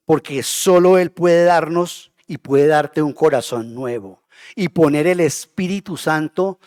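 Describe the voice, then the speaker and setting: Pastor guy preaching, fairly high voice, goes from quiet to loud, dry sound. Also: no echo. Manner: impassioned, shifts from hushed to loud. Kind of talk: sermon. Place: church.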